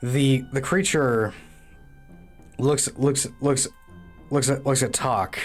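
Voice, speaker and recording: A man runs an online tabletop game as game master, narrating the scene. He stumbles and restarts his sentences often, at a middle pitch. Faint music plays under the call. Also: steady tone, takes it slowly. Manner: stammering, many restarts while narrating.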